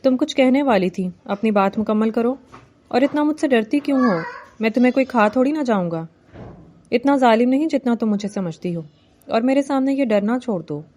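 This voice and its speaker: A woman's voice: fairly high pitch, expressive, mellow, slight background noise, close to an everyday voice. A woman voicing a domineering young male village landlord in a novel reading, commanding and teasing.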